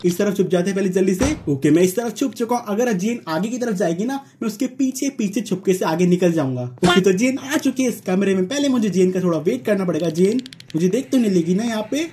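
A man's voice: high voice, expressive, a little fast, few pauses, warm tone, slight background noise. A young man giving running commentary while he plays a horror game, tense, urging himself on and yelping when caught. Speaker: gaming YouTuber.

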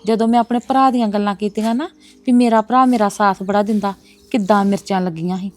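A woman's voice: sits high, brisk, natural voice. A woman playing an insistent, proud sister. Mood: muttering, resentful. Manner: earnest, insistent, repeating "no, no, sister". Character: woman defending her brother's family, proud. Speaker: actress in a web series. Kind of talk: domestic drama acting.

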